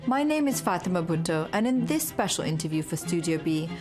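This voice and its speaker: A woman's voice: lowish voice, sing-song, fairly quick, music in the background. A woman hosting a broadcast interview, asking composed, formal questions and narrating the introduction. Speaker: interviewer, host.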